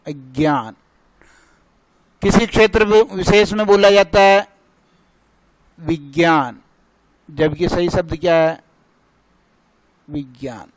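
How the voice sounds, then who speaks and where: A man's voice: high voice, steady tone, normal speed, smooth, no room sound, rough recording. A male teacher giving a grammar lesson, drilling points by asking a question and answering it himself.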